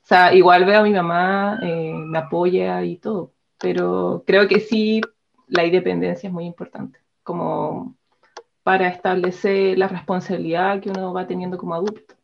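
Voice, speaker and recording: A woman's voice: on the low side, steady tone, normal speed, gravelly, muffled recording, a little hiss or hum. A young woman with a southern Chilean accent, a student guest answering interview questions in a friendly, hesitant way. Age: young adult.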